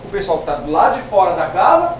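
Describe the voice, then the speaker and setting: Lively man teaching Bible class. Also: sits high, fast talker. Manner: animated storytelling, acts out dialogue with shifting voice. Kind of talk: informal theology class lecture. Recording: echoey room, voice from a distance, faint noise.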